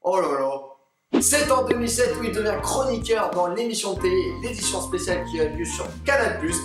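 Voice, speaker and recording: A young woman narrates a video in a chatty, playful way, stretching words for effect. She sounds roomy and distant from the mic, with loud music behind her. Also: mid-range voice, expressive, moderate pace. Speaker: video host.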